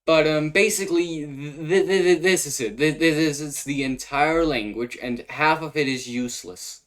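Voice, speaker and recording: A young native Danish speaker from Denmark, with a slightly bright voice on the high side, hosts a casual explainer of a language he invented. Speaking at normal speed with a Danish accent, he hesitates and thinks aloud as he translates on the fly.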